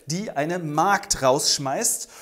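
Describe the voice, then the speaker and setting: A man's voice: a little high, drawn-out words, fairly bright tone. A man narrating a humorous retelling of a stage play, ironic and chatty, with filler sounds.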